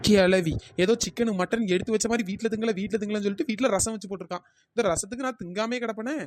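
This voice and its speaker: A woman's voice: mid-range voice, quick pace, a little hiss or hum, close to an everyday voice. A woman voicing a cheeky, evasive young daughter-in-law in a cartoon. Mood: muttering. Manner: pleading then muttering backtalk. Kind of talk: cartoon dialogue.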